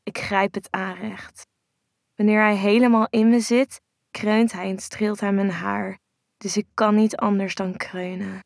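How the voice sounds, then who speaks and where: A woman narrating a first-person erotic audio story in a soft, intimate, hushed way. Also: mid-range voice, little pitch movement, measured pace, gravelly, dry recording, clean studio sound.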